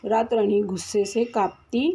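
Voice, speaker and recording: A woman's voice: mid-range voice, fairly even intonation, moderate pace, dark tone, a little hiss or hum. A woman teacher reads a Hindi lesson aloud and then explains each line, often restarting herself. It is a home recording with slightly dull sound.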